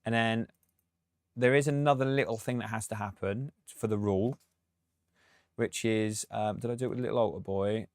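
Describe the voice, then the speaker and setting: A man's voice: fairly low pitch, fairly even intonation, moderate pace, dry recording, clean studio sound. A man and music producer, talking through a track on a live stream, chatty and thinking aloud with frequent laughs.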